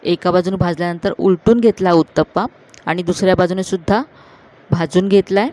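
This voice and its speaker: A woman hosting a cooking channel, calmly narrating each step of a recipe to viewers in a voice-over. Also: fairly low pitch, brisk. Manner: calm, instructive, addressing viewers directly.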